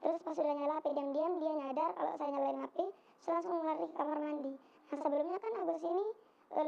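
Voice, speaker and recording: A young woman giving spoken testimony, halting and hesitant with many fillers, on a dull lo-fi recording. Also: high voice, vocal fry. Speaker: interviewee recounting an assault.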